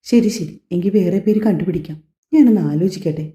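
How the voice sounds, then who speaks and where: A woman's voice: lowish voice, fairly quick, warm tone, natural voice. A woman voicing a loving young husband who teases his wife and talks tenderly to their unborn baby, in an audio story. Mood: doting. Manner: tender, teasing. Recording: echoey, slightly dull home recording.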